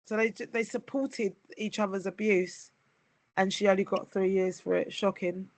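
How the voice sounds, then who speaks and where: A woman's voice: medium pitch, steady tone, moderate pace, no echo. A woman leading a nursery staff safeguarding training session over a video call. She reads policy text aloud and breaks off for chatty asides.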